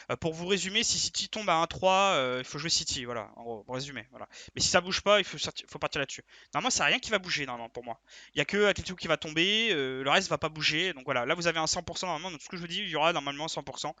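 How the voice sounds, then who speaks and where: A young man runs through his betting tips in rapid, bright, slightly high speech. He gets hyped and urgent, hammering his picks again and again. The sound is dry and close, with no room around it. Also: no echo. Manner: hyped, urgent, repeats himself. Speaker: sports betting tipster. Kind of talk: casual betting tips monologue.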